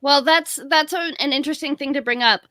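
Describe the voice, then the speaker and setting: In clean studio sound with no room echo, a high-pitched, bright, forceful woman speaks briskly as co-host of a relaxed baseball chat. Born in New York City and raised around Tampa, she fills her explanations with "like" and "you know."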